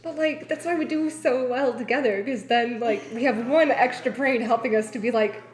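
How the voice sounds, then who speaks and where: A woman's voice: on the high side, roomy sound. A woman joining a friend's baking stream, chatting casually and joking along. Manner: playful, quick to joke along. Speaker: co-baker on stream. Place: home kitchen.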